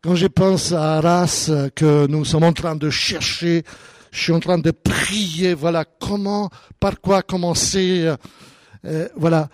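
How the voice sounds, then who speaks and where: A man preaching a sermon as a pastor, animated, acting out the voices of believers. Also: a little high, slow pace, no echo.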